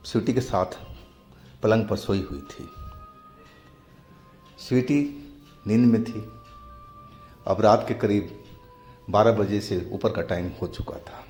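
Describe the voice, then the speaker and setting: A man narrating a true-story horror tale in a slow, measured retelling. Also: lowish voice, a little mellow. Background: faint background music.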